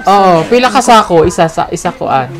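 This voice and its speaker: A woman's voice: on the low side, animated, a little fast, crowd noise. A woman from the Philippines vlogging as she hands out aid, talking in a coaxing, motherly way and laughing easily. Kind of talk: casual on-camera chat.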